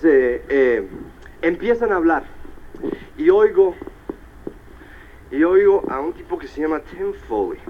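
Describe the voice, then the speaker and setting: A man with a fairly high voice gives a motivational seminar talk, animatedly telling stories and slipping into English. The audio sounds like a dull old cassette tape with slight background noise.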